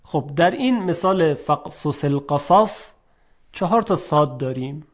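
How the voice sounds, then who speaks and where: A man teaching Quranic letter pronunciation in a formal, polite tone, stretching out model words slowly between brisk explanations. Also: a little high, animated. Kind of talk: recitation lesson.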